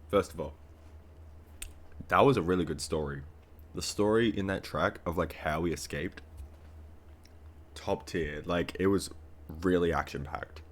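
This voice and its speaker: Low-voiced man rambling about a song. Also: unhurried, long pauses. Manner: rambling, with many fillers and restarts. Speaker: music reaction streamer. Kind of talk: casual reaction commentary.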